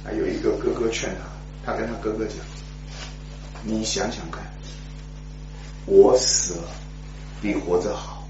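A man's voice: fairly low pitch, a little slow, pauses often, a little hiss or hum. Dramatic preacher man, echoey and distant. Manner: dramatic, swinging between hushed and loud. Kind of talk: sermon storytelling. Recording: echoey distant dull recording.

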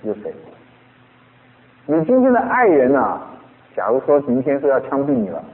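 A man preaching a sermon as a pastor, animated and full of rhetorical questions. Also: mid-range voice, normal speed, big-room sound, narrow, tinny audio.

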